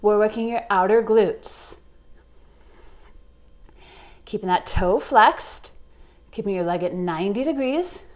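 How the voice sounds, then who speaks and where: A woman's voice: medium pitch, slow pace, long pauses. A young woman leading a home workout, giving encouraging cues while exercising along, getting out of breath at times. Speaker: fitness instructor.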